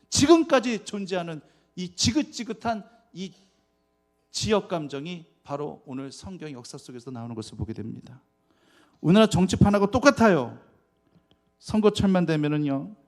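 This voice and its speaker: A man preaching as a pastor in a church. He keeps asking the congregation rhetorical questions and swings from loud, stressed words to quiet asides. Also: fairly high pitch. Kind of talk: sermon. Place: church sanctuary.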